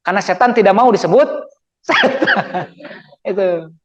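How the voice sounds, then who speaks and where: High-voiced Sundanese-accented male preacher. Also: lively intonation, measured pace, highs cut off, a little hiss or hum. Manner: playful, acts out quarrels with shouts and jokes. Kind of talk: lively sermon to women. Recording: reverberant hall.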